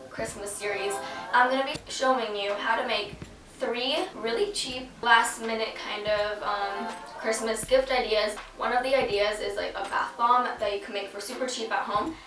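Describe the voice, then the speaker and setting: Casting: teen girl vlogger, congested from a cold, chatty and rambling, lots of 'like' and 'um'. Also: on the high side. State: stuffy nose from a cold. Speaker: DIY vlogger. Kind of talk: casual tutorial talk.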